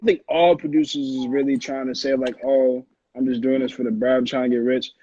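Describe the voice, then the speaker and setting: In a husky, warm medium-pitched voice, flat and fairly quick, an American man from Connecticut chats informally as an interviewed music producer, sprinkling in "like". The recording is dry, dull and lo-fi.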